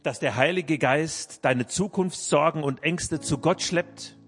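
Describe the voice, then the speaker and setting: Man preaching, earnest, voice a bit high, long hall echo, soft music behind. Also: takes it slowly. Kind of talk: sermon.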